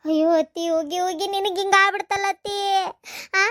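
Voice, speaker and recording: A woman's voice: very high-pitched, fairly even intonation, fast talker, bright, forceful tone. A woman with a North Karnataka Kannada accent voicing a sly young daughter-in-law who laments in a sing-song, mock-sympathetic way in a comedy skit. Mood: mock-sad.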